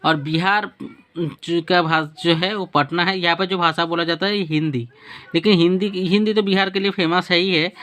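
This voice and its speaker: A man's voice: high-pitched, steady tone, normal speed, a bit bright. Man, teacher, lesson with a map, asks and answers his own questions, repeats words, fixes slips.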